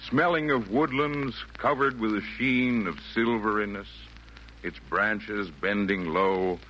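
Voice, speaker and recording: An actor playing a wise, jolly yet firm old Santa, speaking eloquent rhymed verse in a theatrical 1940s radio style. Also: male voice, lowish voice, slow, bright, forceful tone. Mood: tender, lyrical. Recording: noisy vintage 1940s radio broadcast.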